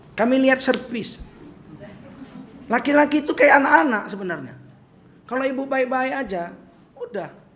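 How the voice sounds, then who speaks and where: A middle-aged man with a Medan accent preaches in a high, bright voice, joking with the congregation and acting out small scenes as he goes. A faint room ambience sits behind him. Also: slight background noise. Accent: Medan Indonesian. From Medan, North Sumatra. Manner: joking and animated, acting out little scenes in asides. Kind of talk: humorous sermon.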